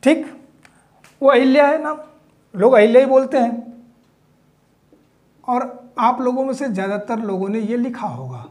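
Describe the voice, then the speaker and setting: A man's voice: very high voice, expressive, unhurried, pauses often. A man teaching a Hindi spelling lesson, explaining patiently while writing words out and often checking in with his class. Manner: explanatory, checks in with "theek", mixes in English phrases.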